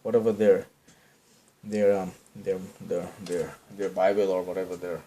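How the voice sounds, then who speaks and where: A Bangladeshi man with a deep, dark voice hosts a podcast, speaking flatly at a moderate pace in his Bangladeshi accent. His monologue rambles and pokes fun at himself, trailing off and starting over again and again. Slight background noise is present.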